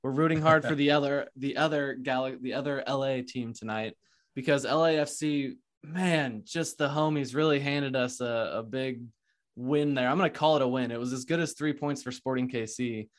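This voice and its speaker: A man's voice: medium pitch, steady tone, normal speed. A man hosting a sports podcast in casual chat who jokes and laughs often. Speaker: podcast host.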